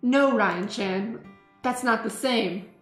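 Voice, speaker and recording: A woman's voice: on the high side, slow. A woman voicing a blunt, defensive teenage schoolgirl in an amateur visual novel reading, emphatic and petulant. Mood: indignant, hurt. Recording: roomy sound, music behind.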